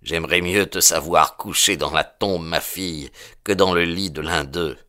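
A man reading an audiobook, voicing a stern old farmer and protective father in a low, slow, grim manner. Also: bright, forceful tone, clean tone. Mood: angry.

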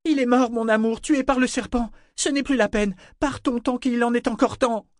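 A man voicing a frightened young woman who shouts and pleads in a high-pitched voice. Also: fairly even intonation, moderate pace, dry recording, studio quality. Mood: frantic.

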